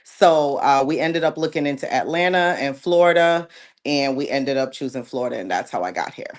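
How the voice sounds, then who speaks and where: Jamaican-raised woman guest, light Jamaican and New York accent, deep low voice, poised and articulate. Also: expressive, fairly quick. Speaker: guest, model. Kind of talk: interview conversation.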